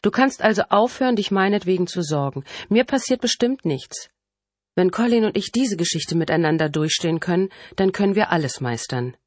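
A woman's voice: on the low side, expressive, a little fast, no echo, voice pushed up. A woman voicing an infatuated adult sister who pleads and coaxes insistently in an audiobook. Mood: coaxing. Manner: insistent, coaxing.

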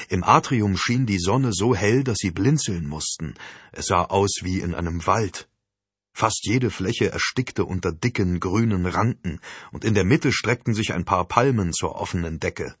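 A man reading an audiobook in a steady, measured storytelling voice. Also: low voice, husky, dry recording. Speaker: audiobook narrator. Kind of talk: scripted audiobook narration.

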